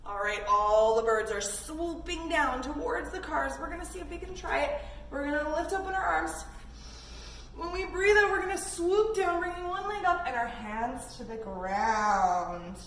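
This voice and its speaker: With a high-pitched, slightly bright voice at a moderate pace, a woman from Canada takes children step by step through yoga poses as part of a story. Her instructions are simple and encouraging. Echo, a far-off mic and background noise mark the recording.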